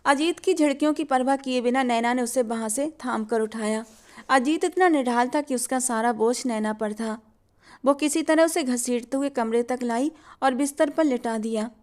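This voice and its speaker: A woman storyteller narrating a scripted family drama. Her reading is steady and expressive, in a fairly high voice. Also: normal speed.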